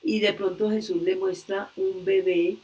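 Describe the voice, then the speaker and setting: A woman leading a religious workshop, earnestly retelling a story slowly and with frequent hesitations over a video call. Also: mid-range voice, level tone, mellow, faint music behind. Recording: distant video-call audio.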